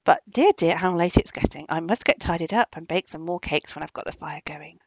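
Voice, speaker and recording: A woman voicing a poor, kindly old woman who lives alone and aches in her bones, speaking gently with a husky, gravelly voice. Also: low voice, fairly quick, no echo.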